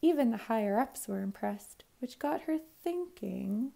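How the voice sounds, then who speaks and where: A woman from Canada, a primary school teacher, reads a children's picture book aloud in an animated, unhurried way, with the clear, expressive phrasing of story time. Her voice is slightly high, soft and mellow, with noticeable creak.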